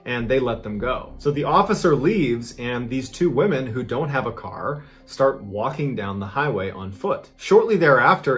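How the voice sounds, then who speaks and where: A man narrating a strange true story in a casual, conversational way, building suspense with sudden emphatic lifts. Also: mid-range voice. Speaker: storyteller host.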